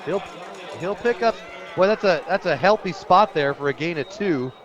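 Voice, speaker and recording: Live from an outdoor high school football stadium, an American play-by-play man calls the game on radio in an animated, high-pitched voice at moderate pace. The highs are cut off, and a loud crowd is audible behind him.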